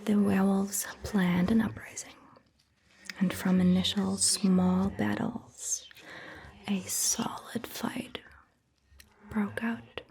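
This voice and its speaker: An ASMR performer, a woman with a mid-range voice, plays a calm, attentive vampire doctor. She speaks in a soft, breathy roleplay whisper, phrasing things in a measured, gentle way.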